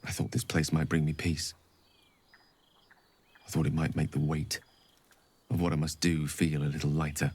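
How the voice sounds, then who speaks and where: An extremely low, husky male voice with little pitch movement, a moderate pace and long pauses belongs to an actor voicing an eloquent, learned wizard in a video game. The wording is formal, articulate and tender, set against soft music in the game audio.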